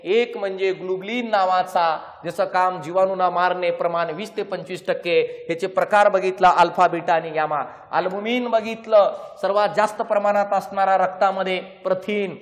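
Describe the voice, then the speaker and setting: A man teaching exam-prep science, explaining through lively stories and rhetorical questions. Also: high voice, long reverb tail.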